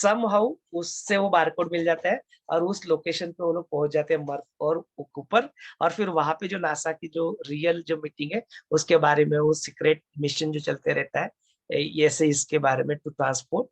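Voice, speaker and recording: Rambling man, mixing Hindi and English. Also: a little high. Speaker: spiritual study group speaker. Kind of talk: explaining a film's plot to a discussion group. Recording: dull lo-fi sound.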